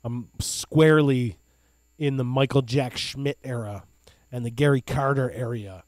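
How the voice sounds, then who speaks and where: Co-hosting a laid-back baseball podcast, a man in his 30s plugs local beer and bands with hype-man gusto. He speaks at medium pitch, a little slowly and mellowly, in clean studio sound with no room noise.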